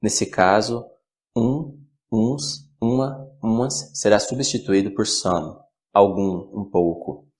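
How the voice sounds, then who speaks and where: A man teaching a recorded language lesson, with slow, clear, measured delivery. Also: lowish voice, darkish tone. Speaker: English teacher.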